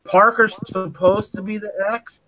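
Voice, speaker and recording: A man's voice: high-pitched, steady tone, bright, forceful tone, low-quality recording. Man on a glitchy, cutting-out call. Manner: argues in rapid rhetorical questions. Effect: call audio breaking up, choppy dropouts. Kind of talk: casual sports chat. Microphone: online voice call.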